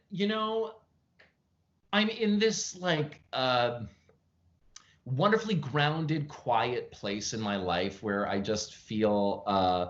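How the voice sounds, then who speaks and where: Animated chatty man on video call. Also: lo-fi sound. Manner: animated storytelling with lively pitch jumps; frequent fillers and restarts, chatty. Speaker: actor, interview guest. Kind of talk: casual interview over video call. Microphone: video call from home.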